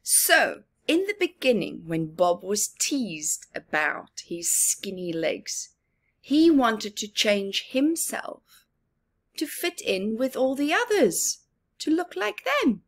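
The husky-voiced woman reads very slowly to children, her fairly high pitch rising and falling in a sing-song way. Telling picture-book stories in a small living room at home, she uses deliberate, dramatic pauses and emphasis and speaks directly to the young viewers in asides.

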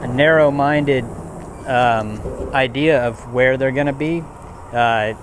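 A man's voice: medium pitch, slow pace, background noise. Easygoing man fishing from a boat. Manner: relaxed, thinking aloud with many fillers. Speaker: fishing vlogger. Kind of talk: casual on-the-water commentary. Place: small boat under a bridge outdoors. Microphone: action camera on the boat.

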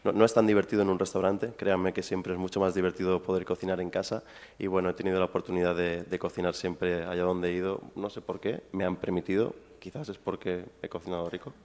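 A man gives a chatty, informal public lecture to a live audience in a university lecture hall, making asides to the people in the room. His low, slightly mellow voice is flat and fast, and the recording has long hall reverb.

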